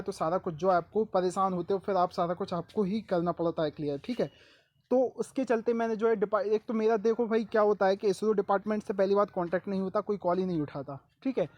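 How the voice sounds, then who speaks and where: A man from Madhya Pradesh, India, hosts an informal exam-update explainer for students, speaking familiarly and checking in often with tag questions. His high-pitched voice is a little mellow, and the recording is dry.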